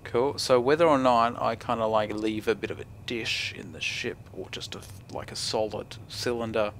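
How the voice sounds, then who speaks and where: In a room at home, a gaming video creator, a young man with a broad New Zealand accent, muses casually over his gameplay with slangy, laid-back talk and mumbled asides. His voice is fairly low and a bit bright, at normal speed, with slight background noise.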